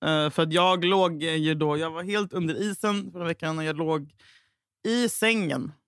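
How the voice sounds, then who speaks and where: A woman co-hosting a casual podcast, blunt and quick to swear, often interrupting and laughing. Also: sits low, no room sound, clean studio sound. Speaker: podcast co-host.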